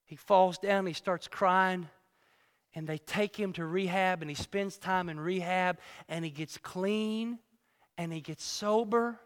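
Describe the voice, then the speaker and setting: A man preaches in a church sanctuary, telling a homespun story that moves from loud emphatic lines to hushed ones. His voice is high and smooth, with a clear, resonant tone. The sound carries a long reverb from the hall. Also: unhurried. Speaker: pastor. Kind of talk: sermon.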